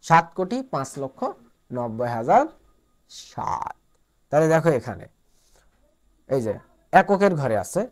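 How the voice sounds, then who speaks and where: A woman's voice: low voice, a little mellow. A woman from Bangladesh teaching a math lesson at the board, explaining step by step, repeating each point and checking that students follow. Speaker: math tutor.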